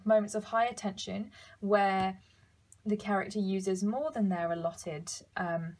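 A young woman explaining a method step by step, in quick, repetitive instructional phrasing. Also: medium pitch, fairly even intonation, darkish tone. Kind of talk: step-by-step demonstration.

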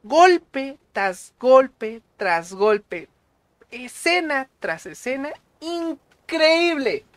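A man with a Mexican accent reviewing a movie on a casual stream, excitable and full of slang and swearing. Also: extremely high pitch, extremely slow, no room sound.

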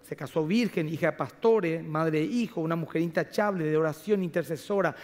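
A man preaching a sermon as pastor, passionate and swinging between loud emphatic peaks and hushed asides. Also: fairly high pitch, a little fast, long reverb tail. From Paraguay.

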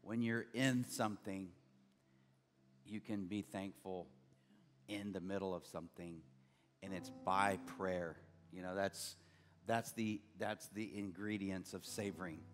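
A middle-aged pastor preaches a conversational sermon on a large church stage, holding a handheld mic. His low voice is steady and a little slow, earnest and building to emphatic bursts. The church hall's long reverb is audible, with faint music.

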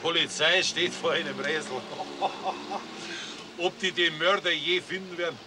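A man's voice: fairly high pitch, fairly even intonation, unhurried, gravelly, background noise. An actor playing a nosy, affable older working man with a Bavarian accent in a 1960s German crime series. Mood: affable, probing.

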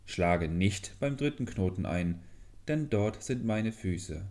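A man's voice: fairly low pitch, lively intonation, slow, darkish tone. A man voicing a plaintive bamboo youth. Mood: instructing. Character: tiny young man trapped in bamboo, pleading then commanding.

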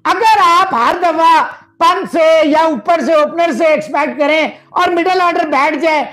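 A man's voice: very high voice, a bit bright, rough recording. A man from Pakistan, giving emphatic cricket analysis over a video call and mixing in English phrases. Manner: emphatic, mixes English phrases, repeats words for stress. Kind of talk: cricket debate commentary.

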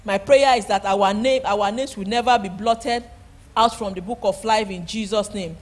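A middle-aged woman pastor delivers a sermon from a church pulpit into a handheld microphone, her voice medium-pitched at a normal speed. She preaches emphatically, repeating key words and calling out praise.

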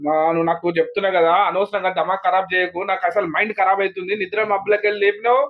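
Man doing a very fast-talking, high-voiced baffled Telangana husband denying everything. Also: flat delivery, narrow, tinny audio, close to an everyday voice. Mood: protesting. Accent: Telangana Telugu. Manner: confused, protesting denials. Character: bewildered husband accused of cheating. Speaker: husband in a comedy skit. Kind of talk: comedy skit acting.

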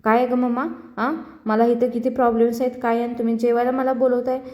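A woman's voice: fairly high pitch, level tone, fast, mellow, natural voice. A woman voicing an entitled young man who insults his parents, in a scornful, whining tone, recorded in an echoey room. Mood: resentful. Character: angry young man demanding money from parents.

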